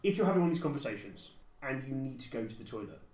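A man co-hosting a casual podcast chat, talking quickly and restarting his words as he goes. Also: mid-range voice, very animated, a crowd in the background. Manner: rapid, repeats words when restarting. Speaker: podcast co-host, wine buyer. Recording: echoey room.

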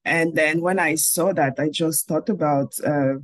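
A Cameroonian woman in her forties, guesting as a filmmaker, takes interview questions over a video call in a low-pitched, steady voice, a touch slow. No room sound is audible. She comes across as thoughtful, regularly rephrasing in the middle of sentences.

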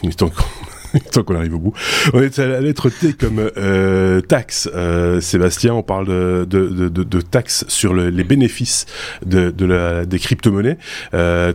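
A man, hosting a casual podcast and talking in a relaxed, hesitant way to viewers. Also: low-pitched, moderate pace, no room sound. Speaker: host.

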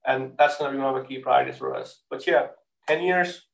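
Echoey, even-toned man talking startup business. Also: mid-range voice, creaky. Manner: halting, frequent hesitations and self-corrections, corporate startup jargon. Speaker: startup co-founder, podcast guest. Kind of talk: interview answer, business pitch talk. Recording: roomy, echoey sound.

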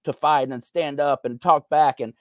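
Man guest on a podcast, earnest and reflective, slightly high voice, dry close mic. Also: fairly even intonation, normal speed, no room sound. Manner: earnest, reflective, many fillers like "you know". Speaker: podcast guest, veteran and content creator. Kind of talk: candid conversational interview.

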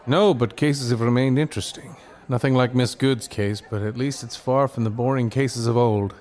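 A man playing a dim-witted private detective who narrates his misadventures deadpan, in a comedy audio drama. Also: medium pitch, normal speed, close to an everyday voice. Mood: wry, matter-of-fact. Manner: deadpan, matter-of-fact. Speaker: narrator and lead character. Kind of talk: scripted comedic noir narration.

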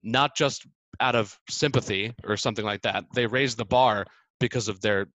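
A man with a bright, forceful voice speaks enthusiastically in a conversational interview. He halts often and fills the gaps with ums and little giggles. The sound is close and dry. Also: lowish voice, dry recording. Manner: halting, enthusiastic, giggly, many fillers.

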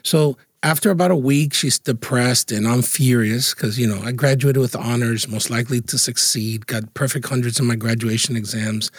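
Man, interview guest, husky, casual storytelling, animated, dry close sound. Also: medium pitch, moderate pace, hardly any pauses, no room sound. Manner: animated, laughs while telling anecdotes. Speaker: interview guest, feng shui consultant.

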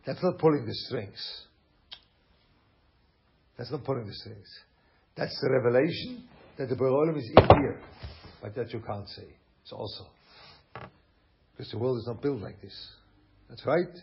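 Swiss man giving an animated Torah talk. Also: medium pitch, normal speed, creaky, long pauses, dull audio, slight background noise. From Switzerland. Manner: animated, repeats phrases, mixes in Yiddish and German. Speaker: rabbi teaching a class. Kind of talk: Torah lecture.

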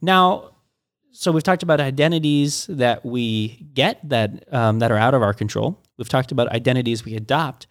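Working through ideas in a relaxed teaching conversation, the middle-aged pastor stammers and restarts often, speaking haltingly. His medium-pitched voice is captured with studio quality and no echo.

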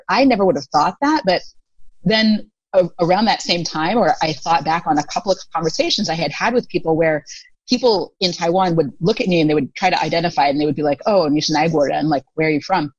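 Speaking fast in a lowish, slightly rough voice, an American woman in her thirties chats as a podcast guest, laughing often and filling her stories with fillers. The audio is dry and lo-fi.

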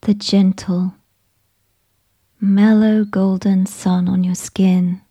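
Breathy whispery lady leading a meditation, super slow, mellow low tone. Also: little pitch movement. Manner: slow, soothing, gentle instructions. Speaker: meditation guide.

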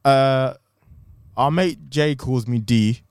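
A man's voice: medium pitch, slow pace, a little mellow, clean tone, dry recording, studio quality. A man hosting a podcast in casual, bantering group chat. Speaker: podcast host.

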